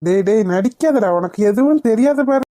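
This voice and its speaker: A woman's voice: on the high side, expressive, a little fast, dark tone, natural voice. A woman voicing a bossy, joking older brother in a cartoon, lecturing his younger brother about marriage. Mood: teasing. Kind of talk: cartoon voice acting.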